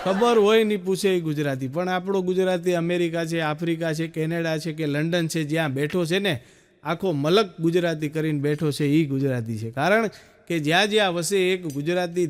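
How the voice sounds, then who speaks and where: A man with a Gujarati accent telling stand-up jokes, storytelling and acting out quick dialogue. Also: a little high. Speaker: stand-up comedian.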